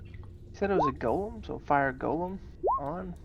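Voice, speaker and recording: A man with a fairly high voice chats casually during a tabletop game. His voice-chat mic carries faint ambient noise. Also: moderate pace, gravelly, muffled recording. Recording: slightly noisy voice-chat mic.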